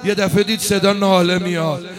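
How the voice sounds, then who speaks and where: A man leading a mourning gathering, speaking and chanting a lament with great passion, at times shouting, at times drawing words out in a slow wail. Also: high voice, fairly even intonation. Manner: impassioned, moves between speech, shouting and slow wailing chant. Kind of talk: Shia mourning recitation, spoken and chanted. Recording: crowd of mourners audible behind.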